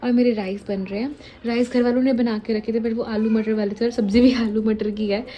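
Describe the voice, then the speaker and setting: A young woman from India talks casually through her day for her vlog, mixing in bits of English. Her voice sits slightly high, and she sounds relaxed at home. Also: fairly quick, slight background noise. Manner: chatty, mixes English phrases into her talk; softly whispered, quiet talk. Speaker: vlogger. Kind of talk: casual daily vlog chat.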